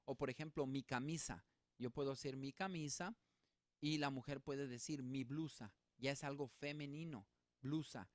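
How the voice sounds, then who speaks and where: A man teaching a Bible study in a relaxed spoken way, working through examples with many fillers and restarts. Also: medium pitch, normal speed, no room sound, clean studio sound.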